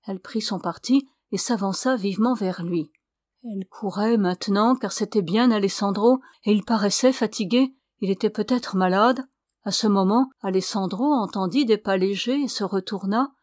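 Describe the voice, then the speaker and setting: A woman reading a novel aloud as an audiobook narrator, measured and even. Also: medium pitch, dry recording, studio quality. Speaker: audiobook reader.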